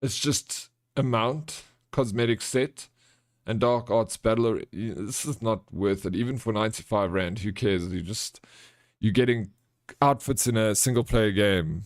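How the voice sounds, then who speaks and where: A man's voice: lowish voice, unhurried, no echo, clean studio sound. A man with a South African accent hosting a livestream, chatting casually and answering viewers in a chummy, informal way. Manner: chummy, informal, calls viewers bro and friend. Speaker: livestream host.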